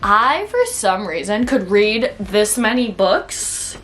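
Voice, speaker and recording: A woman's voice: mid-range voice, sing-song, takes it slowly, a bit bright, slight background noise. Chatty woman with a Minnesota accent. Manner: chatty, fills talk with "like" and "okay?". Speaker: book reviewer. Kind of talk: casual monthly reading wrap-up.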